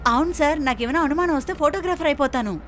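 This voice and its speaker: A woman's voice: high-pitched, racing, fairly bright tone, soft background music. An actress playing a chatty, nosy landlady talking to police. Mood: gossipy. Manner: gossipy, chatty.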